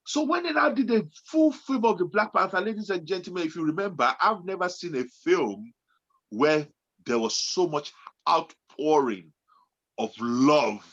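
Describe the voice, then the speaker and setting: A man in his late forties talks in a casual chat, his voice high, bright and a bit husky, with a lot of swing in its pitch. He bounces between loud excited bursts and quieter, slower reflection. The recording sounds dull and lo-fi. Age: 40s. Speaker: podcast co-host.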